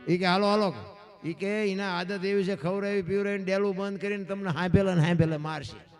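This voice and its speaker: Animated folk storyteller, high voice. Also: male voice, brisk. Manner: animated, acts out characters' lines with shifting pitch. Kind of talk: Gujarati folk dayro storytelling.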